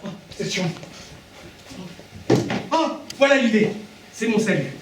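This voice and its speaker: A man's voice: very high-pitched, moderate pace. An actor playing a panicky middle-aged man fleeing in a bathing suit on a theatre stage, crying out frantically. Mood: scheming. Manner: frantic, yelps and cries for help. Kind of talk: amateur stage farce acting. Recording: echoey hall, far mic, noisy.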